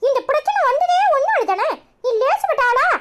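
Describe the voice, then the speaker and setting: A shrill, stubborn little village girl. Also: lively intonation, normal speed, a loud crowd. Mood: indignant. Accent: Kanyakumari Tamil. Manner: sharp, argumentative, sarcastic retorts. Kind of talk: cartoon voice acting.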